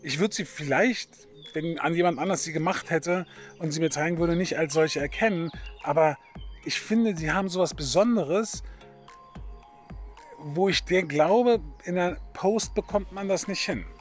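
Chatty middle-aged man, soft music behind. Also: a little high, moderate pace. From Berlin, Germany. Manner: chatty, hesitant, many fillers. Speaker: photography channel host. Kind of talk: casual talk to camera.

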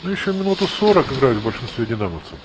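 A man's voice: medium pitch, big pitch swings, racing, noisy background. A man giving live play-by-play ice hockey commentary, mixing exclamations with analytical asides.

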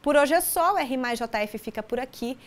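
A young woman presenting local news in a studio, reading from a script with a bright, upbeat delivery on a lapel mic. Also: high-pitched, expressive, moderate pace. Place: studio with city backdrop.

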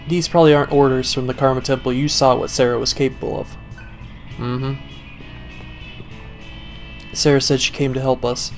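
A young man talks through a video game in a loose, sarcastic way, swearing freely and muttering asides to himself. His voice sits at an ordinary middle pitch, and faint game music plays behind him. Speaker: let's play gamer. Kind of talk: casual gameplay commentary.

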